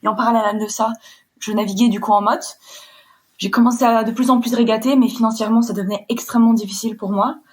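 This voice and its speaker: A woman's voice: on the high side, fairly even intonation, quick pace, darkish tone. A woman in her twenties from Poland, a sailor being interviewed, telling her story fluently and explaining things in detail. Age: 20s. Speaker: sailor guest. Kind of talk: casual interview chat.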